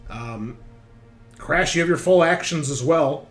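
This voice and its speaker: Over background music, a man with a fairly high voice narrates a tabletop roleplaying game as its game master, taking his time. His style is casual and bantering, with plenty of profanity.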